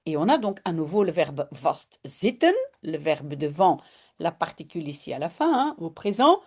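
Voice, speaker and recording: A woman with a Belgian French accent, teaching a reading lesson and explaining each line slowly, with many fillers. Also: low voice, big pitch swings. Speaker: language teacher.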